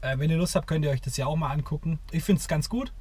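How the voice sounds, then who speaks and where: A man's voice: a little high, fast talker, breathy edge. A man who drives trucks, recording a casual video diary of his working week from the road, chatty and blunt, cursing when something annoys him. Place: inside a truck cab and around depots. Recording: loud road and engine noise.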